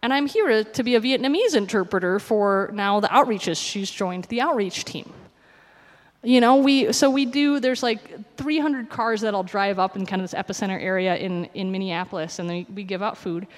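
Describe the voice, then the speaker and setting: A woman preacher telling stories in a sermon, chatty and animated, acting out the dialogue. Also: mid-range voice, moderate pace, in a large hall. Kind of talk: sermon storytelling.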